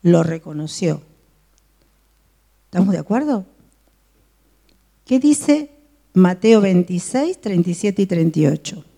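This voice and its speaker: A woman's voice: on the low side, expressive, unhurried, creaky, pauses often, mellow. A woman teaching a Bible study to a group, often asking her listeners questions. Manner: asks the listeners frequent questions.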